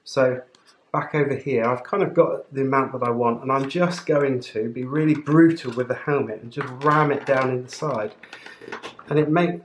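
A man with a medium-pitched voice gives a chatty, informal step-by-step tutorial at a moderate pace while working with his hands. He presents a motorcycle gear channel, and the roomy indoor audio has clear background noise and clicks.

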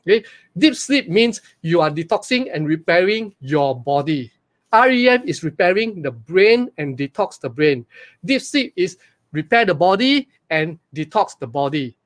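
A man in his forties with a Malaysian English accent, giving a live webinar from a small room over a webcam and talking in an energetic, repetitive way with lots of questions to the audience. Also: high voice. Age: 40s. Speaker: online business coach. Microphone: webcam on a video call.

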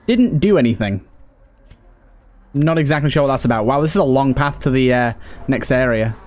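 A man at medium pitch, expressive and a little mellow, narrates a let's play at normal speed as its casual host. He thinks aloud and frequently repeats phrases. Clear video game ambience and effects fill the background.

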